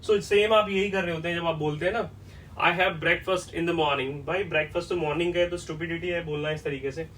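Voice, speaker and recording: A man teaching an English lesson at a whiteboard, explaining step by step and often checking whether it is clear. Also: fairly high pitch, steady tone, quick pace, few pauses, distant mic, slight background noise, rough recording.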